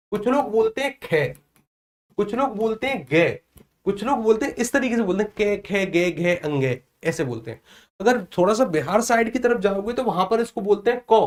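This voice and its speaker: A male teacher giving an exam prep lecture on Hindi consonants in a classroom. He asks questions, answers them himself, repeats key points, and sounds out letters slowly. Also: high voice.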